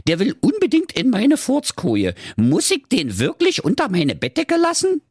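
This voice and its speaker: A spoiled, snippy rich girl played by a man squeals her lines in a shrill Berlin falsetto. The pitch swoops wildly up and down, and the dry, close recording leaves nothing to soften it. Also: wildly swooping pitch, normal speed, breathy edge, no echo, exaggerated voice. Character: spoiled bratty rich young woman, rude.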